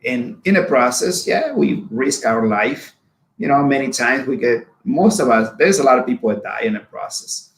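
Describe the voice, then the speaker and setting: A man's voice: mid-range voice, lively intonation, moderate pace, echoey room, rough recording. A man in his forties from Honduras, speaking English with a Spanish accent, earnestly telling his life story as a guest with frequent fillers. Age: 40s. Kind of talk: personal storytelling.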